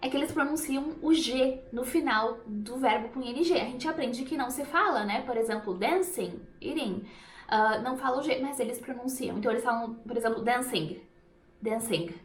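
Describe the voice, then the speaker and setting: Woman, from Brazil, English teacher, chatty explanations, higher voice, echoey room. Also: brisk, hardly any pauses. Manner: chatty explanatory, demonstrates pronunciations. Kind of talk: YouTube language lesson.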